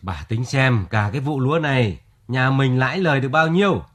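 An actor playing a stubborn, dismissive older village farmer in a radio drama. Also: male voice, medium pitch, lively intonation, brisk, fairly bright tone. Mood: reassuring. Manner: dismissive, stammering.

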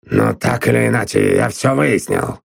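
A man reading an audiobook, voicing a gruff, sneering middle-aged male blackmailer who growls his threats. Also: medium pitch, normal speed, no echo, clean studio sound. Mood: menacing. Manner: growling, bullying.

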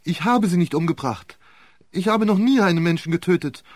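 A man's voice: mid-range voice, animated, a little slow, slightly rough, no room sound. Male reader doing an accused young man, pleading and panicky, dry close sound. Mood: desperate. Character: desperate young male defendant on trial.

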